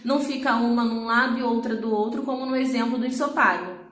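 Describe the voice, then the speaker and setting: A woman teaching a recorded language class with a high, bright voice. She explains step by step and keeps checking that her students follow. The sound carries an echo from the room. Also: fast. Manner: patient, explanatory, checks understanding with "tá?". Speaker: Portuguese teacher.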